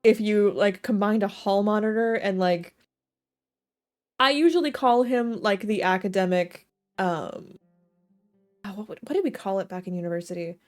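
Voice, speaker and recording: A woman with a medium-pitched voice speaks at a moderate pace while livestreaming a game. Her commentary is casual and slangy, full of jokes and self-deprecating remarks, with game music playing behind her.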